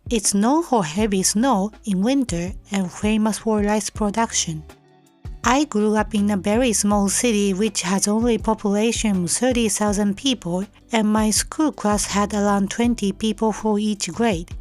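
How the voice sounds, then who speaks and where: A young Japanese woman hosting her own podcast, reading a prepared self-introduction in careful, measured non-native English. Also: medium pitch, darkish tone, soft background music. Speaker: podcast host. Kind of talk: scripted solo podcast narration.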